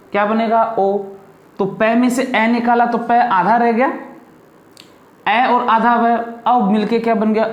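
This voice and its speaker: A man's voice: high-pitched, roomy sound. A male teacher from India giving a classroom lesson, asking his pupils questions and then answering them himself. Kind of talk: classroom lesson on Hindi grammar.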